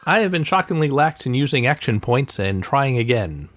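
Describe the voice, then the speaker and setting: A man playing a tabletop game, bantering casually with deadpan humor. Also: mid-range voice, normal speed.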